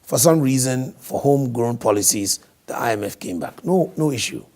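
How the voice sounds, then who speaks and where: A hoarse man whose voice is partly lost, giving emphatic, explanatory interview answers as a diplomat, often posing rhetorical questions. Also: mid-range voice, lively intonation, moderate pace, a little mellow.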